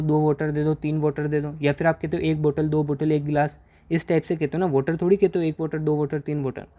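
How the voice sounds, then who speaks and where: A man teaching a grammar worksheet lesson in Hindi. He keeps asking questions and answering them himself, and he reads the English example sentences out slowly. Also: on the high side, mellow.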